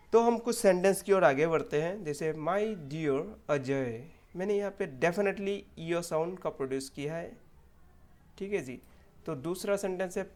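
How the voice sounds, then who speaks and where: A man teaching an English pronunciation lesson, patiently checking in with learners and slowly repeating each sound several times. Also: on the high side.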